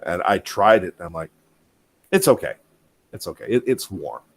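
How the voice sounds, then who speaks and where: A man's voice: sits low, fairly quick. A man hosting a casual chat, telling rambling stories and swearing freely. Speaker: host.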